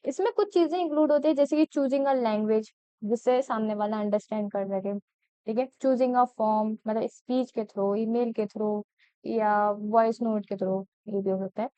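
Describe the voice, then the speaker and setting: A woman's voice: fairly high pitch, measured pace, dark tone, clean tone, no room sound. A young woman teaching an exam-prep lesson, mixing in English terms and checking in often with her students. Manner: chatty Hindi-English code-switching, checks with frequent "theek hai?".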